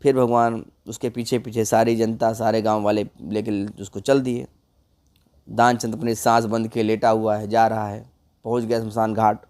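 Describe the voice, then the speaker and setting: A man's voice: on the low side, little pitch movement, normal speed, darkish tone. A man narrating a comic folk tale in a loose, conversational way, addressing his viewers. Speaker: storyteller.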